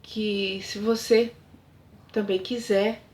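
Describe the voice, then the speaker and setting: A woman doing a slow, fatherly old baron. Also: medium pitch, little pitch movement, a little mellow, close to an everyday voice. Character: older man, a baron, fatherly.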